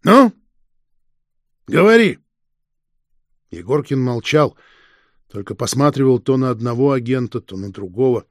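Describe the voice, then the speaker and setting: A man reads an audiobook in a measured, expressive storytelling style. His voice sits at a medium pitch, and the studio-quality recording has no echo.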